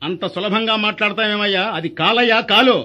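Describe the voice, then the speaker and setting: A blunt, accusing hospital hand. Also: male voice, sits high, fast talker, sharp tone, muffled recording. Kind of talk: stage comedy drama.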